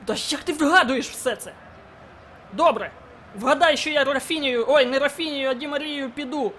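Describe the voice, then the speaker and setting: A young man commenting live on his own football video game match, excitable and bursting into shouts at big moments. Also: very high-pitched, moderate pace, a little hiss or hum. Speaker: gaming channel host.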